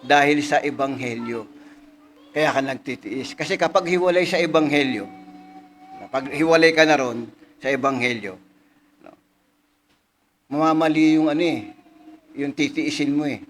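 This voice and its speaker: A man preaching a sermon, casually checking in with listeners and reading scripture slowly with emphasis. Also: on the high side, fairly bright tone, a little hiss or hum. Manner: conversational teaching, frequent "no?" and "di ba?" checks. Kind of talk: Bible study sermon.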